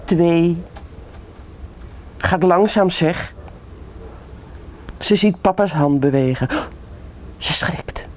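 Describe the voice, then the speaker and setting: Dutch woman reading a bedtime story, slow and sing-songy, lowish voice. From Netherlands. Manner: slow, expressive reading with lively pitch.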